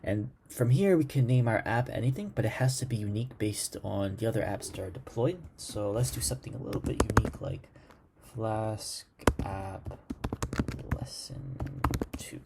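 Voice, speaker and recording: A programming instructor records a coding tutorial of his screen, thinking aloud and muttering commands while he types. His voice is on the low side with vocal fry at a normal speed, and there's heavy background noise.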